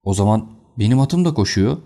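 A touchy, excitable colonel, read by a man in a deep, gravelly voice. His tone stays dark even when it is worked up for an audiobook scene. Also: brisk, close to an everyday voice. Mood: agitated. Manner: agitated and excitable. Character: anxious, quick-tempered older male colonel. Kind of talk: audiobook character reading.

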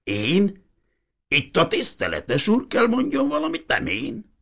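A man voicing a toothless, secretive old fisherman who croaks and shouts over roaring water. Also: mid-range voice, wildly swooping pitch, pitched above the performer's own voice, exaggerated voice. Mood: shouting, gruff.

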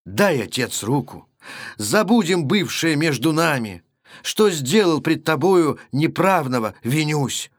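Guy reading as a proud cossack husband, stern, a touch high, storybook. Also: big pitch swings, takes it slowly, no room sound, studio quality, full character voice. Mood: solemn. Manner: stern, commanding. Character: proud young Cossack husband, fierce and stubborn.

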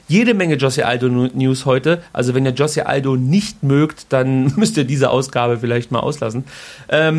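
A male podcast host talks through the news in a loose, conversational way, slipping in crude slang now and then. His voice sits a little higher than most men's. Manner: informal and colloquial, with crude slang. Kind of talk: casual news commentary podcast.

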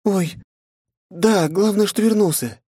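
A man voicing a shy, affectionate young woman who speaks softly and timidly in an audiobook. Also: sits high, slow pace, breathy edge, dry recording, studio quality, voice pushed up, heavily acted. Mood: tender. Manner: soft, timid. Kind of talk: audiobook character voice.

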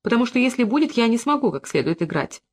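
A reader doing a sharp-tongued seasick young wife. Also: mid-range voice, sing-song, fast talker, pitched above the performer's own voice. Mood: irritable.

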